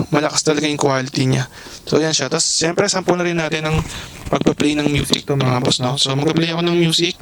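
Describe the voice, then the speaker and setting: A man with a fairly high-pitched voice reviews and unboxes a budget helmet intercom in a casual, chatty way, speaking right to his viewers as bosses. The background is noisy, and audio comes from a camera mic, sometimes through the intercom's earpiece.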